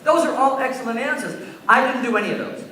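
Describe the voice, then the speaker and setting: A man's voice: extremely high pitch, quick pace, pushed and bright, very echoey, slight background noise. A man presenting a school assembly to young children, telling a story and asking the kids questions, recorded in a large gym by a far-off camera. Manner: asks the children questions and takes answers.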